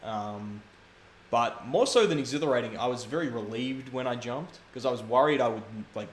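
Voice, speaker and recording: Speaking at normal speed in a medium-pitched voice, a guest speedrunner tells rambling stories in casual chat and keeps correcting himself. The recording picks up an echoey room and faint background noise.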